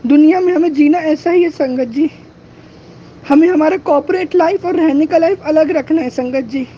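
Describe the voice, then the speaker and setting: A man's voice: very high-pitched, normal speed, slight background noise. A young man praying outdoors at night, tearfully and repeatedly begging his guru for help. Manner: begging, repetitive, emotional. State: tearful, near crying. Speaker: devotee. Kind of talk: tearful pleading prayer. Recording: dull lo-fi with faint ambience.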